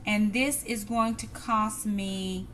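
A woman's voice: medium pitch, steady tone, takes it slowly, a bit bright, slight background noise. A middle-aged woman, chatting casually to viewers as she cooks in her home kitchen. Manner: chatty, talks to viewers as "y'all". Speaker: cooking vlogger. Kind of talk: casual cook-with-me narration. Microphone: camera on the counter. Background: clatter of dishes, pans and cutlery.

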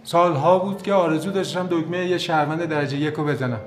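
An actor playing a touchy building janitor in a sitcom, sarcastic, self-pitying and mock-grateful. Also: male voice, a little high, a little hiss or hum, lightly acted. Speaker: building cleaner. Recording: roomy set with faint music.

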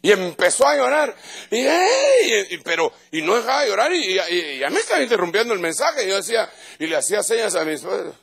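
A middle-aged Guatemalan pastor preaches to his congregation in an emphatic, conversational way, repeating phrases and restarting his sentences. His voice sits high for a man, with a gravelly, husky edge. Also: very animated, a little fast, fairly bright tone. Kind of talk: evangelical sermon. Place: church in front of a congregation.

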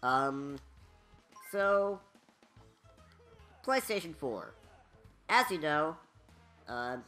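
A woman's voice: sits low, animated, drawn-out words, fairly bright tone, faint music behind. A woman giving casual, rambling commentary over a game walkthrough, chatty with many fillers.

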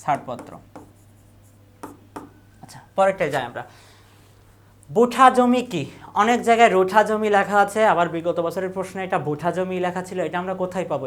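A woman teacher with a Bangladeshi Bengali accent, leading an exam revision lesson, asking questions and repeating the answers slowly. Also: on the low side.

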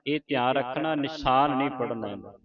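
A man with a Punjabi accent teaching the recitation of scripture, chanting each verse slowly and then explaining how it is pronounced. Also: medium pitch, highs cut off, a crowd in the background. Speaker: Gurbani pronunciation teacher.

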